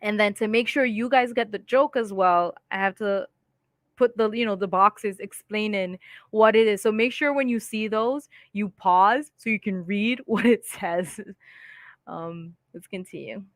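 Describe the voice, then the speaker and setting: An English-speaking woman hosts a casual live stream, chatting away, reading viewer comments aloud and laughing often. Her mid-range voice moves unhurriedly, and the studio-quality audio has no room sound.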